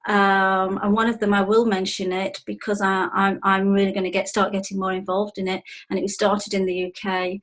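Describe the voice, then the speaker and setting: A woman's voice: medium pitch, level tone, a little fast, hardly any pauses, rough recording. A woman hosting a spiritual talk show, speaking earnestly and building her points in heartfelt lists. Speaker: host.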